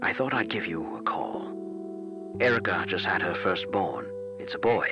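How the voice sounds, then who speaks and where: An actor playing a friendly male caller leaving a soft, partly hushed message, heard played back on a landline answering machine. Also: low-pitched, lively intonation, unhurried, music in the background. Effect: answering machine message over a landline phone. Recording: muffled answering machine playback.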